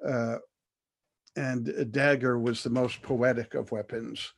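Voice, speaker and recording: An older man with a creaky, mid-range voice and level tone tells his life story as an interview guest. He's measured and thoughtful, though he often uses fillers and restarts.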